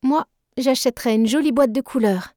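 A woman's voice: a little high, steady tone, normal speed, warm tone, dry recording, studio quality, natural voice. A woman voicing a prim, affected young girl in a storybook reading, reproaching in a raised voice.

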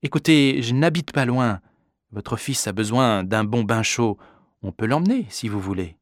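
A man reading a story aloud, voicing an elegant young woman who is soft, coaxing and insistent. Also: medium pitch, lively intonation, moderate pace, dry recording, clean studio sound, lightly acted.

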